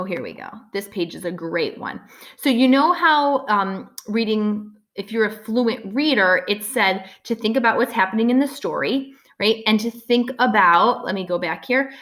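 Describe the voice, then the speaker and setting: Woman teacher in the mid pitch range, casual and chatty, heavy on fillers and "right?". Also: a bit bright. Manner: chatty, many filler words, checks in with "right?". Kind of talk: casual recorded lesson.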